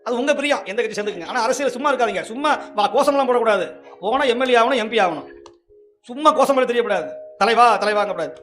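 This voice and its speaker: A man speaks in a fast, high voice. He gives a lively, humorous devotional sermon as a Shaiva religious speaker and acts out what people say. Faint music plays behind him. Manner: lively humorous preaching with acted quotes.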